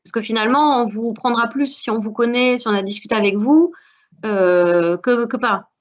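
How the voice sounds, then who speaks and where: A woman's voice: fairly high pitch, normal speed. A woman from France with a French accent, speaking earnestly as a guest with many hesitations in a panel discussion. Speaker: alumna guest. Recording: dull lo-fi audio.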